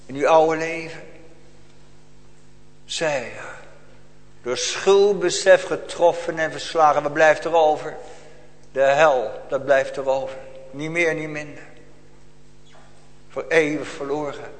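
A man's voice: a little high, slow, long pauses. Solemn preacher man in echoing church. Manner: solemn, urgent preaching with rhetorical questions. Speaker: pastor. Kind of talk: sermon. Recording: long reverb of a church hall.

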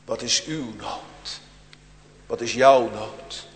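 Male preacher, slow and solemn, dramatic swings from loud to hushed, long church echo. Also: medium pitch, steady tone, creaky. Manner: swings between loud emphatic calls and hushed near-whispers; solemn, deliberate phrasing with dramatic pauses. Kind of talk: sermon.

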